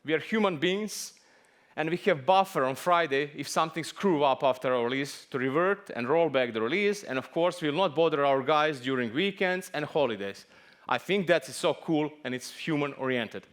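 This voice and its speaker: Serbian-accented man giving a lively talk. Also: on the high side, normal speed. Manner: lively, joking, non-native English phrasing. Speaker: conference speaker. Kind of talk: conference talk.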